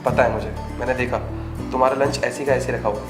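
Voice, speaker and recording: An actor playing a gentle, devoted husband who works as a security guard, speaking softly and earnestly. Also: male voice, mid-range voice, fairly even intonation, fast talker, close to an everyday voice. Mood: tender. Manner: soft, earnest, coaxing. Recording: clear background music.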